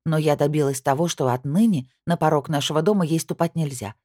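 A woman's voice: sits low, fairly quick, darkish tone, no echo, studio quality. A woman voicing an aggrieved young bride who complains heatedly in an audiobook. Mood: resentful. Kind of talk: audiobook character reading.

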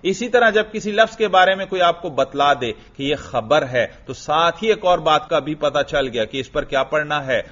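A man's voice: on the high side, few pauses, fairly bright tone. A man teaching a classroom grammar lesson who keeps asking his students short questions and praising their answers. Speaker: religious school teacher. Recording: dull lo-fi lecture recording.

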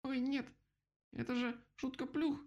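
A man's voice: extremely high pitch, level tone, a little slow, darkish tone, dull audio, voice pushed up. A man voicing a nervous, squealing little female vole in a children's storybook.

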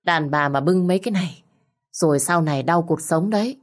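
A woman's voice: lowish voice, a little fast, lightly acted. Woman voicing a blunt, scolding older neighbor. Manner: scolding, coarse.

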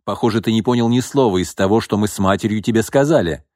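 A man's voice: fairly low pitch, fast, a little mellow, dry recording, studio quality, natural voice. Male reader as a scheming domineering old father. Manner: blunt, mocking, cunning. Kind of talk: audiobook reading.

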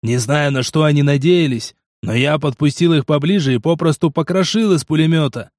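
A man reading the part of a gruff, sarcastic male mercenary partner in an audiobook. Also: fairly high pitch, brisk, darkish tone, dry recording, clean studio sound, close to an everyday voice.

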